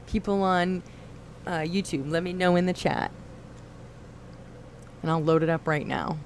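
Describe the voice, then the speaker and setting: Woman, livestream host, relaxed chat, lowish voice, reads comments aloud. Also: measured pace, slight background noise.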